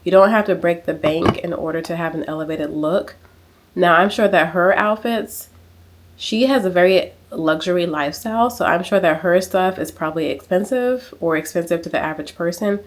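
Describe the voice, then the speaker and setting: This casual vlog comes from a woman in her thirties from the United States, speaking into a small handheld camera mic. Chatty and emphatic, she uses a somewhat low voice and repeats phrases to drive her points home.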